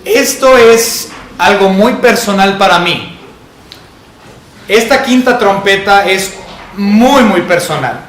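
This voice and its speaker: A man preaching a sermon as pastor, telling a personal story and acting out his childhood fear in a higher voice. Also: lively intonation, slow pace, fairly bright tone, echoey room, a little hiss or hum. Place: church sanctuary.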